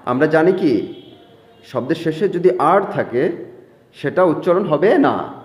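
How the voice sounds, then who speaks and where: A man's voice: a little high, expressive, unhurried. Guy teaching a class, repeats words for the kids to copy, voice jumps around a lot, big echoey room. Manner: call-and-response drilling, repeats words for students. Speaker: English teacher. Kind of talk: classroom pronunciation drill. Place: classroom with whiteboard. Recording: echoey classroom with long reverb.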